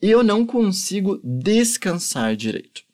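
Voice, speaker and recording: A male teacher, a native Portuguese speaker, giving a language lesson and patiently drilling phrases slowly for repetition. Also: high-pitched, big pitch swings, a little mellow. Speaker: German teacher.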